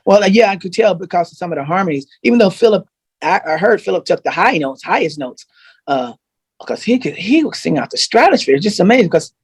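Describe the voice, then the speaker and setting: A guest singer, male, talks fast in a high-pitched, slightly rough voice, with no echo. In a casual video-call chat he tells stories animatedly, with plenty of restarts.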